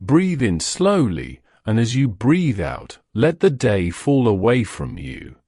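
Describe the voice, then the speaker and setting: A man talks a listener down into sleep in a slow, unhurried voice. His pitch swoops widely, rising and sinking as he draws out each instruction. The sound is close and dry, with no room around it. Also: big pitch swings, darkish tone, no echo. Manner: slow, soothing, drawn-out delivery. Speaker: sleep hypnosis guide. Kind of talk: guided relaxation script.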